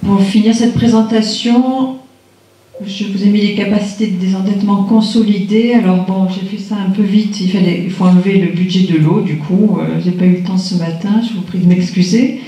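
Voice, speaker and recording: A man with a high, warm voice and fairly even intonation presents a budget at a council meeting, speaking at a moderate pace. He's matter-of-fact, reading the figures plainly with some hesitations. The large municipal function hall is echoey and the mic is far off.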